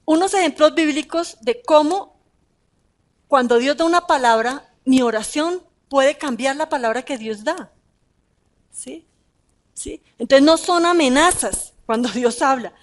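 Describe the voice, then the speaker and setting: A woman preaching a sermon, talking in an animated way with rhetorical questions and emphatic repeats. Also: sits high, measured pace.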